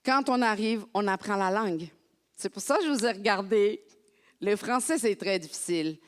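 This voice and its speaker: Woman pastor, from France, lively conversational sermon, mid-pitched voice, long hall reverb. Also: normal speed. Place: church sanctuary.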